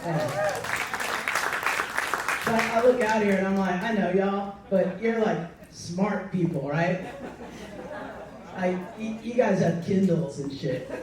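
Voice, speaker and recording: A woman hosts a live storytelling slam on stage before an audience, cracking jokes at her own expense and laughing a lot. Her mid-range voice moves slowly with frequent pauses. The mic sits far away in an echoey room, and the crowd can be heard in the background.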